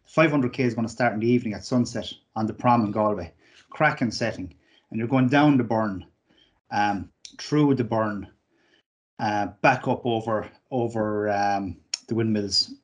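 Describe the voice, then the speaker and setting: A man's voice: fairly low pitch, normal speed, lo-fi sound. A man with an Irish accent hosting a conversational interview. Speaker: interviewer, host.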